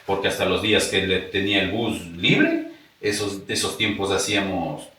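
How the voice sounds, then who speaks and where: An Ecuadorian man with a highland Spanish accent appears as a podcast guest, telling his life story casually and with animation while acting out dialogue he remembers. He speaks at normal speed, recorded with a distant mic in an echoey room.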